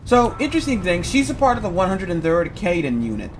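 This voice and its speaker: Very animated and quick, a high-pitched man from Louisiana, United States, hosts a gaming video with casual, rambling let's play commentary. Game music is clearly audible behind him, and the rough recording carries slight background noise.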